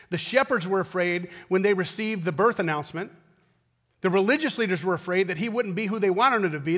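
On the stage of a large indoor church auditorium, an American pastor preaches a sermon from a wooden pulpit in a somewhat high, slightly bright voice. He speaks earnestly and emphatically, repeating phrases with deliberate pauses between them, and a long reverb tail follows his words.

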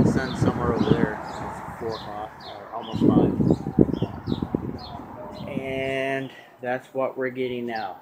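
Filming with a handheld camera, a man casually demonstrates his own solar equipment, rambling in plain speech with fillers and restarts. His voice is mid-range, and the background is noisy.

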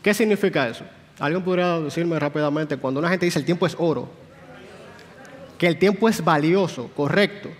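A man's voice: a little high, brisk. A man teaching a Sunday school class in a church, explaining patiently and putting questions to the room. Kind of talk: church Bible class lecture. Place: church hall. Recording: long hall reverb.

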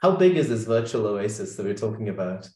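A man's voice: on the low side, big pitch swings, a little fast, a little mellow, echoey room. A middle-aged man hosting a podcast over a video call, chatty and playful, with short backchannels. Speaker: podcast host. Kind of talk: casual video-call interview.

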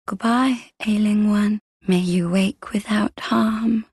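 Very slow, mellow talking doll. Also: female voice, mid-range voice, steady tone, no room sound, clean studio sound. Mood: serene, eerie. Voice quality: soft whispery breathy voice. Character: quaint, solemn talking doll woman, meek and eerie. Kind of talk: video game character dialogue.

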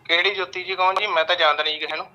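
Guy doing a cocky young dude, dismissive and defensive, very bright sharp voice. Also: high-pitched, steady tone, rapid-fire, highs cut off. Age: young adult. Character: young man, defensive and arrogant, evasive. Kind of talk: acted village drama dialogue.

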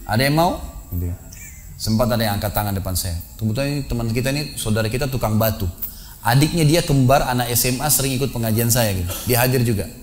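Guy preaching fast in a mosque, telling a story to the crowd. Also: medium pitch, slight background noise. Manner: storytelling, addresses the congregation directly. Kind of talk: sermon.

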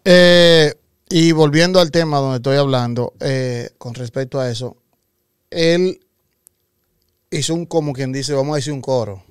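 A man's voice: medium pitch, measured pace, clean tone, no echo, clean studio sound. A man co-hosting a casual music podcast, playfully arguing about a song in local slang. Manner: argumentative, playful, talks in slang. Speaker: podcast co-host. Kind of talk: casual music reaction chat.

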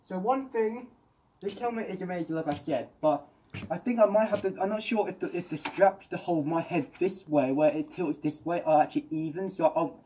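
A man chatting excitedly through a helmet mask, reviewing the helmet in a casual vlog. He talks indoors at home. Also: high voice, normal speed, slight background noise, low-quality recording. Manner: chatty and excitable, with frequent restarts. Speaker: product reviewer.

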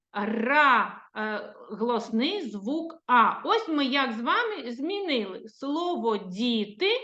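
A woman preschool teacher giving a lesson to young children, speaking slowly in a sing-song teacherly way and drawing out her words. She has a Ukrainian accent. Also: high-pitched, pushed and bright. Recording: echoey room, dull lo-fi sound.

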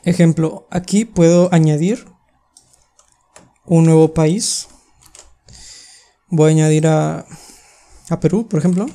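Young adult webinar presenter, mellow tone, patient step-by-step explainer on a call mic. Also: medium pitch, steady tone. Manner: explains step by step with frequent "em" pauses. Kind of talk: screen-share coding tutorial. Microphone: computer mic on a video call.

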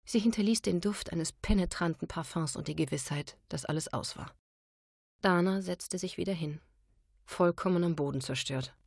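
A woman narrating a novel, her reading calm and measured at a middle pitch. The voice is dry and close, with no room sound around it. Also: gravelly, breathy edge, dry recording. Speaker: audiobook narrator. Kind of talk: audiobook narration.

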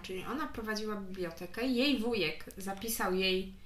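A woman in her thirties hosting a casual family book podcast, gently prompting her daughter with questions and adding chatty asides. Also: medium pitch, moderate pace. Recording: echoey room.

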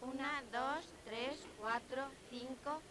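A woman's voice: high voice, steady tone, takes it slowly, over music. An actress playing a stubborn, squabbling girl in a dubbed film drama. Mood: bickering. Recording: noisy 1970s film soundtrack.

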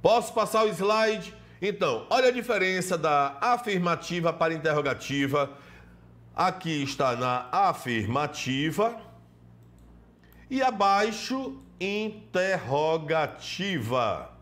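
A man's voice: a little high, lively intonation, slow pace, a bit bright. A man teaching an English lesson in Portuguese with a Brazilian accent, explaining step by step and greeting students by name. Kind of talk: televised classroom lesson.

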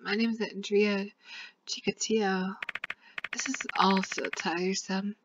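A woman's voice: mid-range voice, flat delivery, slow pace, muffled recording, very noisy, close to an everyday voice. A woman reading a visual novel aloud, voicing a bored, seductive female killer in a made-up accent, with game music behind. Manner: languid, put-on foreign accent.

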